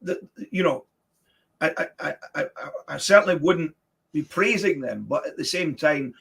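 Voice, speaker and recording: A man's voice: a little high, animated, moderate pace, creaky, fairly bright tone, breathy edge. A man earnestly explaining policy in detail in a political interview, sometimes stammering on the start of words. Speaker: election candidate being interviewed.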